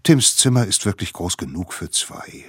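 A man voicing a mother breaking news gently to her sons, coaxing and soft. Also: sits low, big pitch swings, normal speed, slightly rough, no echo, clean studio sound, exaggerated voice. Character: warm firm mother speaking to her sons.

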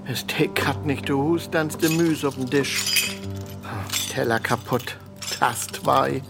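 A rueful old Low German vagabond mutters his way through a radio play. His pitch sits in the middle and he speaks slowly and half to himself. Music plays clearly behind him. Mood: muttering. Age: older. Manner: muttering to himself, plain-spoken. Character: old male drifter, a self-described rascal, wistful.

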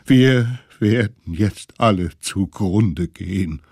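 A man's voice: lowish voice, takes it slowly, a little mellow, husky, no echo, studio quality, heavily acted. A man doing whining, feverish old cave elders. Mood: dramatic. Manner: whining, dramatic.

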